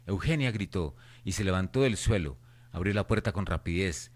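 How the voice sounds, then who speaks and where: A low-voiced man narrates a radio horror drama, reading the scripted story in the third person. His delivery is expressive, at normal speed.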